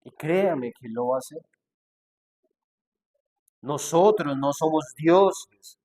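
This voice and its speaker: Male pastor, slightly raised pitch, mid-sermon, rhetorical and lively in delivery. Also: takes it slowly. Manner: acts out quoted objections in a changed voice; asks rhetorical questions.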